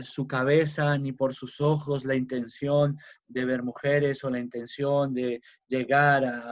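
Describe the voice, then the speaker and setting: A man teaching a religious class in a slow, emphatic way, with fillers and restarts. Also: medium pitch. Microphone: video class recording. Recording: dull lo-fi sound.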